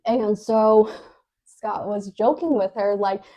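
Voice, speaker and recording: She speaks slowly in a mellow, mid-range voice with a steady tone. A podcast co-host, she shares her story casually and hesitantly, stumbling through fillers and restarts and laughing often along the way.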